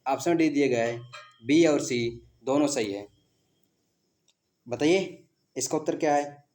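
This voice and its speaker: A man's voice: mid-range voice, a little slow, a little mellow. A man teaching an exam practice lesson, reading out each question and its options, then giving the answer and repeating key words as a question. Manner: quizzing, reads options then gives answers.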